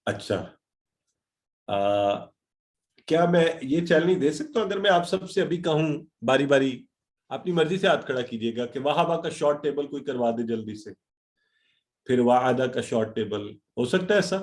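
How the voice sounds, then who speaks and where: A man's voice: medium pitch, animated. A middle-aged man teaching a grammar lesson over a video call, encouraging and dropping English words into his talk. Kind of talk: online class lecture.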